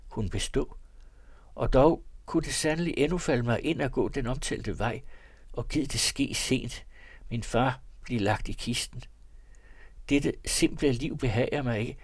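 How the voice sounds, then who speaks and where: A man's voice: medium pitch, no room sound, natural voice. A man voicing a young, sorrowful woman in a read-aloud novel, speaking earnestly and hesitantly.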